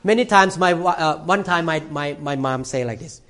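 A man's voice: fairly high pitch, moderate pace, a bit bright. A middle-aged male pastor who is a non-native English speaker with simplified grammar, preaching a sermon with emphatic, repeated short phrases. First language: not English. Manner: emphatic short exhortations, repeats phrases, asks congregation for amens.

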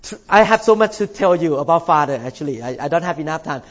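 An older man from Thailand, a pastor, preaches expressively in a slightly high voice, stretching key words into drawn-out, emphatic stresses. The church recording has dull audio.

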